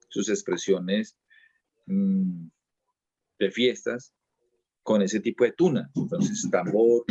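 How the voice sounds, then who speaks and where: A man's voice: lowish voice, a little mellow, dry recording, lo-fi sound. A man, a dance teacher being interviewed, explaining at length in a casual way and often restarting and repeating his words.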